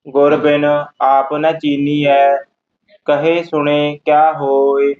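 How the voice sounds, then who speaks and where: Man chanting scripture in a flat monotone. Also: on the high side. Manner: very slow, monotone, measured reading. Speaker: student reciter. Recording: tinny phone-like audio.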